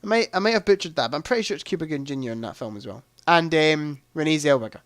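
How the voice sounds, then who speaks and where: A man's voice: fairly high pitch, lively intonation, racing, no room sound, clean studio sound. A man hosting a live movie quiz stream, chatting casually, thinking aloud and making self-deprecating asides.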